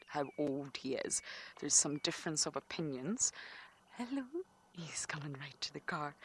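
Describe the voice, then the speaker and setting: A woman's voice: fairly low pitch, bright, forceful tone. A woman giving live wildlife commentary as a safari guide, speaking from a vehicle outdoors. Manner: talks to animals and viewers. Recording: outdoor background noise. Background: outdoor ambience.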